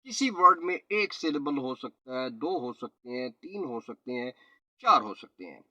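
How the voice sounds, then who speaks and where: A man, a trainer explaining pronunciation in a slow, step-by-step lesson. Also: mid-range voice, big pitch swings, sharp tone, no echo. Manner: slow, explanatory, mixes in English phrases and tongue twisters. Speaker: IELTS and PTE trainer. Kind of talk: spoken teaching lesson. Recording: slightly dull, lo-fi audio.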